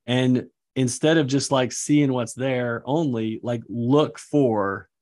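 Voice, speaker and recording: A man's voice: mid-range voice, slow, darkish tone. A man co-hosting a casual scripture teaching discussion, easygoing and filler-heavy, laughing lightly as he talks.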